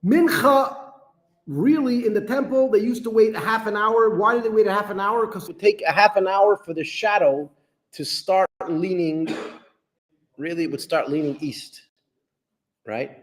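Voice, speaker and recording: A man's voice: high voice, normal speed. A man who is a rabbi giving a rambling Talmud lesson, often asking and then answering his own questions. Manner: repetitive, rambling, asks rhetorical questions. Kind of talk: explanatory lecture.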